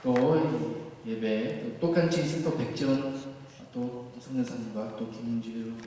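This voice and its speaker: Reverberant noisy hall, distant mid-pitched man, pastor addressing congregation, halting, uneven volume. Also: steady tone, a loud crowd. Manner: halting, many pauses, swells from quiet to loud. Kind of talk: church service address with announcements. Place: large church hall during a service.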